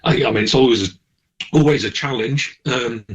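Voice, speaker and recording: A man with a medium-pitched voice answers questions at a moderate pace as a guest on a radio interview, with slight background noise. He's a charity manager, and he sounds hesitant, often restarting with false starts as he hunts for the right words.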